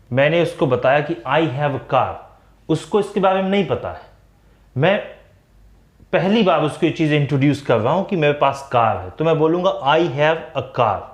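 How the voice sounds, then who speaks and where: A man with an Indian accent teaching English grammar, explaining slowly and drawing words out. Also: on the high side. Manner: slow, deliberate explanation with words drawn out. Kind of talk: classroom-style explanation. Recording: echoey room.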